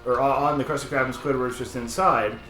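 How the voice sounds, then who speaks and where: A man's voice: mid-range voice, a little fast, faint music behind. A man chatting casually during a gaming session, eagerly retelling funny scenes. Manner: animated storyteller retelling scenes. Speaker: gaming co-host. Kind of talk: casual chat while playing. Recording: echoey room with faint noise.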